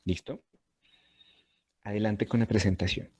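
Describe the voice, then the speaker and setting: A man's voice: fairly low pitch, steady tone, unhurried, darkish tone, slightly rough. A man teaching an online Latin class, explaining patiently and checking in with his students.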